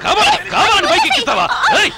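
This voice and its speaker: A man's voice: high-pitched, big pitch swings, fast, a loud crowd, heavy background noise. An actor playing a volatile, obsessive young man who swings from pleading to raging threats in a dubbed film. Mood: enraged. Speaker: film character.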